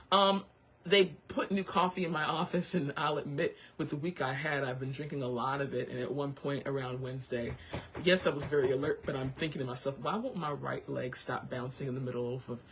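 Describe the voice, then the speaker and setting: A woman hosting a radio show, chatting in an animated, sassy way. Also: husky. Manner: animated, sassy, swoops into high excited squeals. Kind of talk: casual talk radio chat. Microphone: studio microphone.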